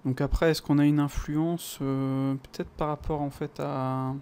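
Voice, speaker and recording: A man with a French accent talking through a software tutorial in a casual, chatty way, full of fillers and little sound words. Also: fairly high pitch, level tone, a little slow, smooth. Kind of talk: casual screen-recorded tutorial.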